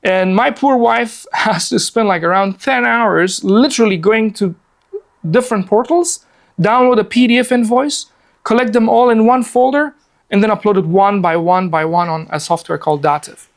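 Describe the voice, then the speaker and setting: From his seat at a laptop, a man in his forties from Afghanistan delivers a casual live workshop in a meeting room as a camera films from across the space. He talks cheerfully and chattily with many fillers, in a high voice at a moderate pace.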